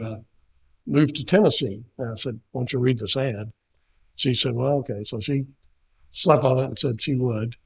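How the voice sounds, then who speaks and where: Husky older man telling a rambling story. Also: mid-range voice, darkish tone. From Kentucky. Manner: rambling storyteller with many fillers and restarts. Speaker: seminar speaker. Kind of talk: anecdotal talk.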